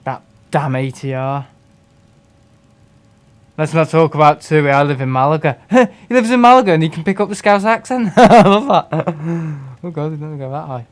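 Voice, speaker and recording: Speaking at a normal speed with a slightly high voice, a young English man streams a flight simulation game. He's chatty and jokes at his own expense, reading chat messages out and laughing often.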